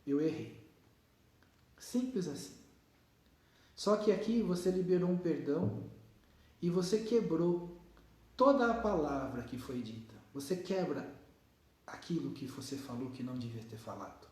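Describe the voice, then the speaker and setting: Echoey distant Brazilian pastor preaching. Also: male voice, fairly high pitch, animated, darkish tone. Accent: Brazilian Portuguese. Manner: earnest, plain-spoken preaching with pauses. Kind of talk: sermon. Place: church hall.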